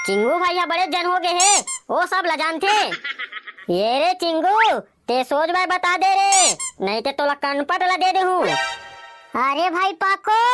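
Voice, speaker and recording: A man with a Chhattisgarhi accent voicing bickering, teasing village youths in a cartoon comedy, squeaky and sped up. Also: exaggerated voice. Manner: bickering, mocking, repetitive. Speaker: cartoon voice actor. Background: loud background music.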